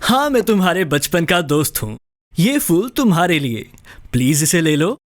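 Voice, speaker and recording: A man voicing a gentle young man in a storybook tale, speaking softly and earnestly. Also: on the high side, sing-song, normal speed. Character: gentle young man, the princess's childhood friend.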